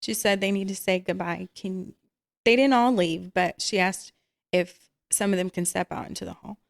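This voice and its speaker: A woman's voice: mid-range voice, steady tone, normal speed, gravelly, no room sound. A woman sharing her own testimony as a guest, earnest and matter-of-fact. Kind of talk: casual personal storytelling.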